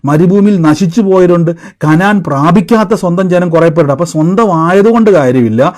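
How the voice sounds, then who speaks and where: A man's voice: fairly high pitch, a little mellow. A man preaching a live-streamed sermon, asking emphatic questions and leading the listeners in repeated declarations. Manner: emphatic, rising questions and call-and-response.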